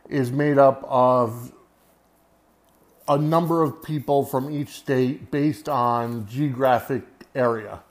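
Male podcast host, American accent, mid-range voice, off-the-cuff monologue with halting, wandering delivery. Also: mid-range voice. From United States. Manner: rambling, halting, often searching for words. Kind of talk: unscripted solo podcast monologue.

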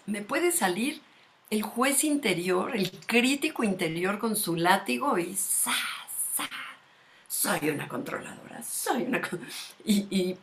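A woman, speaking as a guest expert in a calm, measured, explanatory conversation and asking her listeners questions. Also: mid-range voice.

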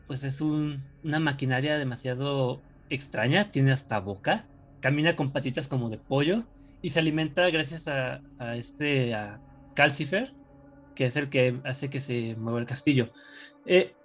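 Rambling man, slightly high voice. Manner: joking, rambling explainer. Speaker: podcast co-host. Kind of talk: casual chat.

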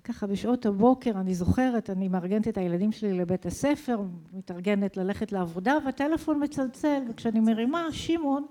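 A woman's voice: medium pitch, few pauses, dark tone. A middle-aged woman from Israel, telling her own life story in an intense, emotional way and asking herself questions. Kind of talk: dramatic personal storytelling.

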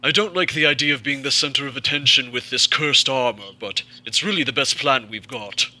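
An earnest warrior in cursed armor, voiced by a man with a very bright, forceful tone. He speaks in a measured, polite manner and at an everyday pitch.

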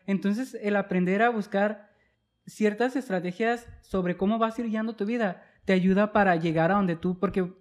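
A woman guest talking earnestly and at length about passion, change and life plans in a casual interview. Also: mid-range voice. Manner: earnest, motivational, long flowing explanations. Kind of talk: reflective conversational talk.

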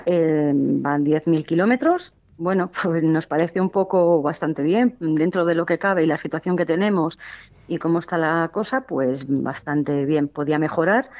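A woman's voice: sits low, a little mellow. A woman guest heads a charity association and talks casually over a landline phone, chatty and easygoing with loose wording. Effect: heard over a landline phone. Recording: muffled landline phone line.

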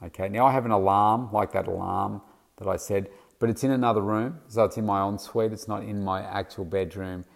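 A man's voice: on the low side, fairly even intonation, fairly quick, creaky. A middle-aged man hosting his own podcast, talking casually on his own with lots of fillers and restarts, and he has the hiccups. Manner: rambling, with many fillers and restarts. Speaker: podcast host. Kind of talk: casual solo monologue.

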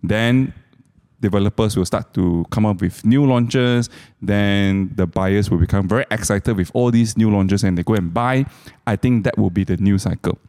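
A man's voice: lowish voice, normal speed, a little mellow. A man with a Malaysian accent explaining things casually as a co-host, in colloquial Malaysian English with local particles. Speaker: co-host commentator. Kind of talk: casual explanatory market chat.

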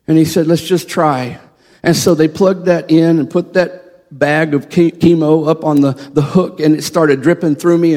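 Preacher, male, high register, storytelling sermon in a long-echo church hall. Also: darkish tone. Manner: storytelling, acting out the people he quotes. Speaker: missionary preacher. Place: church sanctuary.

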